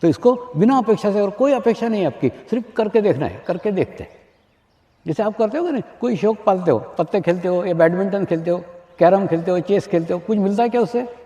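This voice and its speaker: A man's voice: high-pitched, animated, brisk, dark tone. A man, a spiritual teacher, giving a discourse to an audience, repeating his phrases and asking rhetorical questions. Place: large hall with an audience. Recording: echoey hall, dull lo-fi archive recording.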